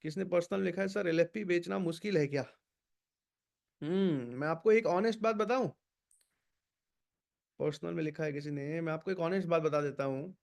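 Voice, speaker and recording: A male sales trainer speaks on a video call through his computer or headset mic. His voice sits a little high and his delivery is brisk and energetic. He keeps urging his trainees along and slips English words into his Hindi. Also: creaky. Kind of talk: online training session.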